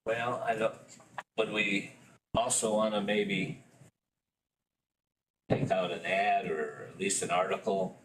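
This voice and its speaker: A man on a board, thinking aloud in halting phrases during a public meeting. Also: fairly low pitch, level tone, noisy background. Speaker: board member. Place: meeting room. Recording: roomy, from a distant mic.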